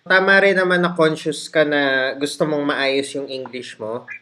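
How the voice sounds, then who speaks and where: A man from the Philippines hosting a casual coaching conversation, calmly explaining and giving advice. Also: on the high side. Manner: measured, advising, explaining. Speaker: host, trainer.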